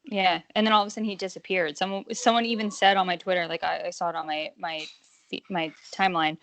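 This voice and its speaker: A woman chatting casually as a podcast guest. She talks with animated, giggly energy and often restarts her words. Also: on the low side, fast, a little hiss or hum. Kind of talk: casual chat.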